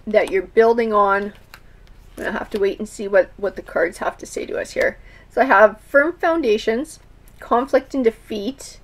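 A woman doing a tarot reading, speaking thoughtfully with frequent fillers and restarts. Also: medium pitch. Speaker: tarot reader.

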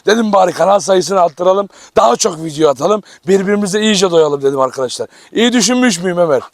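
A man vlogging casually in his outdoor garden with his dogs, talking to the camera and excitedly calling and scolding the animals. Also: sits high, fast talker, no echo. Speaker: farm vlogger. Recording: noisy outdoor camera recording. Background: dogs barking.

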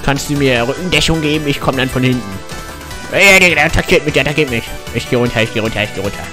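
A man acting as an old grandpa gamer in his sixties, mid-pitched, with old-fashioned endearments and battle-front talk. Game music plays behind him as he chats in a fatherly, excitable way. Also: quick pace, natural voice. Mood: excited, urging. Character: jolly 65-year-old war veteran grandpa gamer. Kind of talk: in-character prank chat while gaming.

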